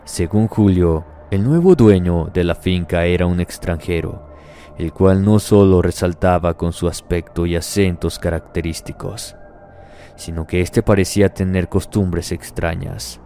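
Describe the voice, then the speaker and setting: A man reading a horror story aloud in a steady, measured first-person telling as the channel's narrator. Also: deep voice, slight background noise.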